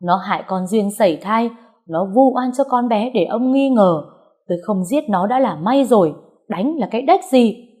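A woman voicing a furious, scornful middle-aged mother-in-law, who curses and sneers as she shouts. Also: medium pitch, lively intonation, moderate pace, pitched above the performer's own voice, close to an everyday voice. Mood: scornful, raging.

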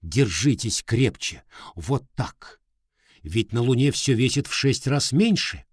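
A man voicing an eager, brave young boy in a read-aloud storybook, exclaiming excitedly. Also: medium pitch, slow, husky, dry recording, studio quality.

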